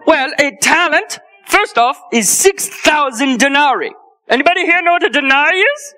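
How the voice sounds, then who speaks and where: A woman's voice: high-pitched, lively intonation, moderate pace, sharp tone. A woman playing an eccentric, boastful, testy German doctor in a comic church skit, with a put-on German accent and trouble pronouncing R's. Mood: comically pompous.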